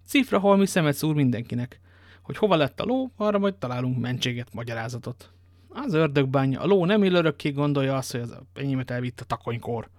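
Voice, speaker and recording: A man's voice: mid-range voice, lively intonation, no room sound, clean studio sound, lightly acted. A man reading an audiobook and voicing Athos, a worldly, ironic musketeer, with a languid manner of telling his tale. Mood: wry.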